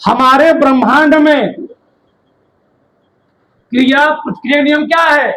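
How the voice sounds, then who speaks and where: High-voiced man teaching a physics class. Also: a little slow, a bit bright, rough recording. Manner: quizzes students with rhetorical questions; colloquial, addresses listeners as brother.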